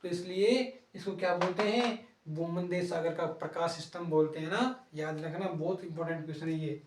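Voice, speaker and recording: High-voiced man teaching in an echoey room. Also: steady tone, distant mic, background noise. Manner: repetitive, playful memory tricks with rhymes; pauses to write on a board, drawing out words. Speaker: geography teacher. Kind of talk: exam-prep lecture. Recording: roomy sound from off-mic.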